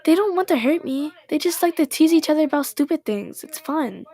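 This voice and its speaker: A woman voicing a blunt, touchy teenage girl as she reads game dialogue aloud, with a sharp, defensive manner. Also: high-pitched, animated, brisk.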